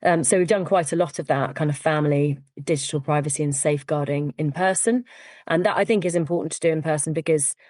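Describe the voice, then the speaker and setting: Woman, low-pitched, steady founder-guest explaining patiently; dry, close sound. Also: no room sound. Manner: measured, explanatory, frequent "um" and "you know". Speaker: cyber security firm founder, guest. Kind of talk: podcast interview.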